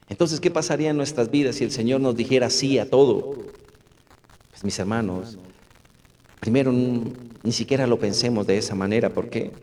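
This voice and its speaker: A middle-aged pastor preaches to his congregation, pausing on rhetorical questions and coming back to "my brothers" again and again. His voice sits at an ordinary man's pitch. The sound rings with the long reverb of a church hall. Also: a little mellow. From Colombia. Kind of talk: sermon. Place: church hall with about fifty or sixty people.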